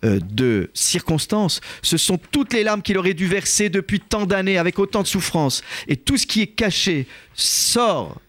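A man hosting a radio talk show, explaining scripture in a measured, thoughtful way with frequent hesitations. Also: sits high, very animated, a bit bright, no room sound.

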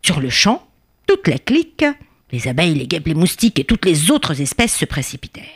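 A woman storyteller narrating a tale for children in an expressive, playful way. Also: deep voice, fairly quick, slightly rough.

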